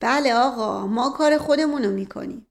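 A woman's voice: fairly high pitch, close to an everyday voice. A woman voicing a coarse working-class shoeshine man in an audiobook, blunt and colloquial. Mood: deferential.

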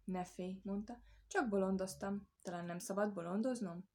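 Kindly old storyteller man, soft and teasing, read by a woman. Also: medium pitch, lightly acted. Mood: gentle. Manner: gentle, teasing.

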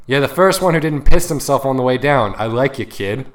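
A man putting on a brash, cocky adventurer from a tabletop game tale. He talks in a teasing way and a little higher than a plain speaking voice. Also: lively intonation, a little fast, close to an everyday voice. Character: cocky laughing male adventurer with grappling hook.

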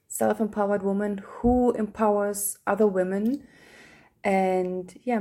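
A woman's voice: medium pitch, dark tone. Earnest woman hosting a podcast. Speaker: podcast host. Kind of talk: casual conversational interview.

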